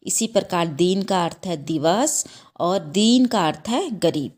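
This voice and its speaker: A woman teaching a class of young children, explaining slowly and patiently, often checking understanding with a rising "okay?". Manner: repeats "ठीक है?" with a rising pitch, asks children questions; slow, patient, self-correcting. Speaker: school teacher. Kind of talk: slow explanatory class lesson.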